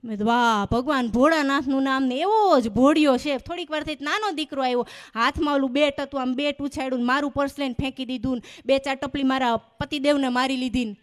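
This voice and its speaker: A high-pitched woman performs stand-up comedy on a stage. She tells animated stories and acts out the voices of the people in them. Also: brisk. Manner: animated storyteller acting out dialogue. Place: stage before a live audience.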